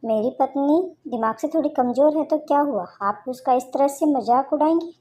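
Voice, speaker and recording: A woman's voice: high-pitched, moderate pace, dark tone, natural voice. A woman voicing an indignant young husband. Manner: reproachful, indignant. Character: indignant young husband defending his wife.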